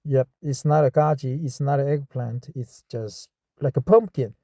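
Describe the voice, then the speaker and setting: A man's voice: medium pitch, dark tone, no echo. A man from Korea with a Korean accent reads a text aloud in English and stops to comment and practice words again and again. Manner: slow, repeats and practices words. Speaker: reader studying English.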